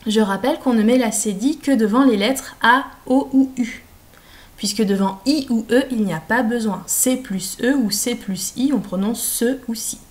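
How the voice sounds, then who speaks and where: A woman speaking as a French teacher, carefully enunciating in a didactic, deliberate way as she dictates and explains. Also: on the high side. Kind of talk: slow, articulated classroom dictation and explanation.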